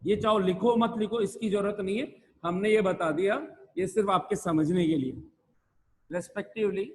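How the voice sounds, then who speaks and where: Male physics teacher, high voice, classroom lecture, rhetorical questions, long hall reverb. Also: steady tone. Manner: mixes Hindi and English, asks rhetorical questions; dictates slowly, repeating terms word by word.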